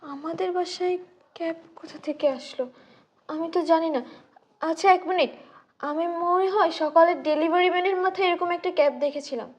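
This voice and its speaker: An actress playing a young wife who questions her husband in a quick, questioning way. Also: very high voice, steady tone. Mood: puzzled. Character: young wife, puzzled then suspicious.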